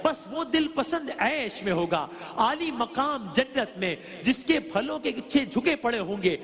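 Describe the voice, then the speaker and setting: A woman's voice: a little high, animated, gravelly. A woman delivers a religious lecture, explaining scripture in an earnest, searching way. She often turns to her listeners with questions. Her voice rings with a long reverb, as if in a large hall. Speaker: religious speaker.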